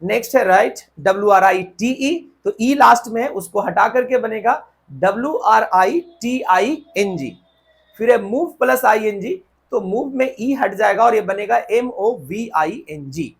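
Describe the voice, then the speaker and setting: Husky-voiced Indian grammar teacher. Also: male voice, high voice, animated. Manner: spells out words letter by letter, checks understanding often; switches to slow deliberate reading for English rules. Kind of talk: whiteboard grammar lesson.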